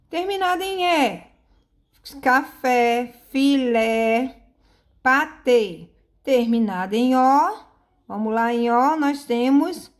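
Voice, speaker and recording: A woman teacher giving a recorded grammar lesson, patiently repeating each point and checking that pupils follow. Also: a little high.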